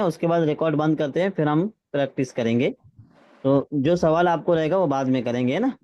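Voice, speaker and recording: A man teaching Arabic grammar in an online class, patiently checking that students follow and reading phrases out slowly. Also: high voice, a little mellow. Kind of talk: classroom lesson with drills. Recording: slightly dull lo-fi sound.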